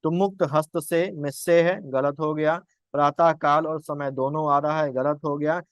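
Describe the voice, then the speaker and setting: A young male tutor explains exam answers in a fairly high voice. He quizzes his listeners and answers his own questions. The recording is dry and close, with no room sound. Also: fairly even intonation, unhurried, smooth, no room sound. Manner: asks questions and answers them himself, repeats points. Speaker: exam-prep Hindi teacher.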